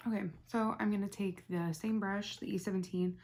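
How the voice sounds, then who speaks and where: A young woman hosting a casual, chatty makeup tutorial, rambling softly as she works and often dropping to a near whisper. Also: mid-range voice, fairly even intonation, normal speed. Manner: rambling, soft-spoken, talks while working, often drops to near whisper.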